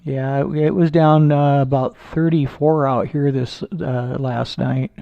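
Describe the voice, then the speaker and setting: A man with a gravelly, low-pitched voice talks easily to his viewers, pausing and restarting as he goes. His voice comes through a somewhat dull, dry computer mic, close and free of any room sound. He sounds unhurried and homespun. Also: no room sound. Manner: relaxed, halting, with many fillers and restarts. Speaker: amateur astronomer streaming live. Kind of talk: casual live-stream chat with viewers. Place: indoors at home.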